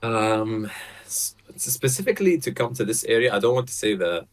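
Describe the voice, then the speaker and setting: A man's voice: fairly low pitch, normal speed. A young man in his twenties who grew up in Saudi Arabia, a podcast guest on a video call, talking casually with lots of fillers and restarts. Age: 20s. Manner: relaxed, hesitant, many fillers and restarts. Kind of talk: casual chat. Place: bright apartment room, indoors. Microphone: headset on a video call.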